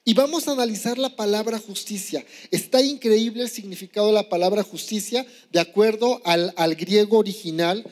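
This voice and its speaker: A man preaching a sermon as pastor, teaching step by step with examples and often asking "¿sí?". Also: high-pitched. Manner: teaching, asks "¿sí?" after points; explains with examples, some hesitation.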